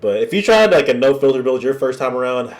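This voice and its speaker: Hosting a reaction video with a nose strip on, this man has a cold that leaves his mid-range voice congested and nasal. He talks fast with lively intonation, chatting colloquially and calling his viewers "y'all."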